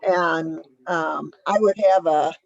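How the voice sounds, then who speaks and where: A woman instructor talks through a lesson in a loose, conversational way, full of fillers and restarts. Her voice has a gravelly, fry-laden edge. The sound is dull and lo-fi, as from a video call. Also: low voice, fairly even intonation, slow. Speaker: massage school instructor. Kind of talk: teaching over a video call. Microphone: computer mic on a video call.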